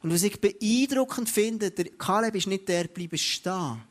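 High-voiced preacher. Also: male voice, moderate pace. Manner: addresses listeners directly with repeated "hey, schau" and frequent restarts. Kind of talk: sermon.

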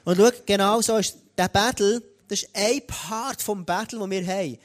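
A man with a Swiss German accent preaching a sermon, talking straight to the congregation in a lively way. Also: high voice, normal speed, a little hiss or hum. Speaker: pastor.

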